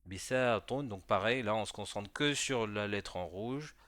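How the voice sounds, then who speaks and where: Guy teaching beginners, low voice, patient, keeps checking you got it, dry close sound. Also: a bit bright, no echo. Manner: patient, explains slowly, often checks with "d'accord?"; spells out sounds slowly for repetition. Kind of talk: beginner language lesson voice-over.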